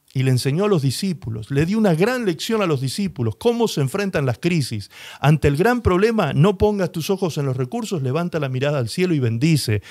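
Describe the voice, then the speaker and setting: A male pastor preaching a sermon, retelling scripture dramatically and slowing down for emphasis. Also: fairly high pitch. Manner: expressive preaching, slows and rises for emphasis; dramatizes scripture, voicing the people in the story.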